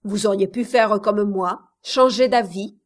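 A woman's voice: fairly high pitch, lively intonation, a little slow. A woman voicing a cold, vain young man from a village who speaks curtly and impatiently in a storybook reading. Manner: curt, impatient delivery.

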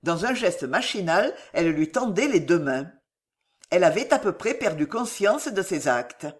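A woman narrating a novel as an audiobook, in a dramatic, expressive way. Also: lowish voice, moderate pace.

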